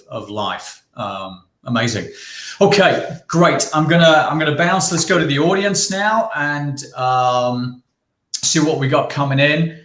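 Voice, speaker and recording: A man hosting an interview, asking questions with stammering restarts and quick acknowledgements. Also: mid-range voice, fairly bright tone. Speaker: host. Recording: roomy echo.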